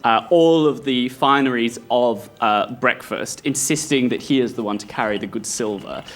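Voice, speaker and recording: A man's voice: mid-range voice, moderate pace, fairly bright tone. A man narrating a tabletop role-playing game as game director, describing scenes in a rambling, amused way.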